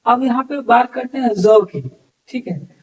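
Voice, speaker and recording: A man teaching English pronunciation in a lesson, saying example words slowly and repeating them, often checking with a quick "okay". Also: very high-pitched, animated, far from the mic, lo-fi sound. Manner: explains sounds slowly, repeats words, keeps checking with "ठीक है". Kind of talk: classroom-style lesson.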